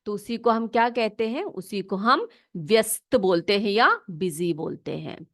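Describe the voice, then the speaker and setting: A woman teaching children English words in an online class, slowly spelling each word letter by letter and coaxing them with questions. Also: medium pitch, animated, fairly bright tone, no room sound, clean studio sound. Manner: patient, coaxing, asks questions.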